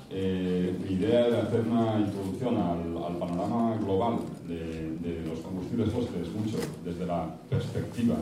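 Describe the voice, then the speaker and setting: A man from Catalonia speaking as a panelist at a conference, measured and deliberate. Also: low voice. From Catalonia, Spain. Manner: measured, with frequent "eh" fillers. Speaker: panelist, researcher. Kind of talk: conference talk. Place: conference hall. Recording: echoey hall, distant mic, background noise.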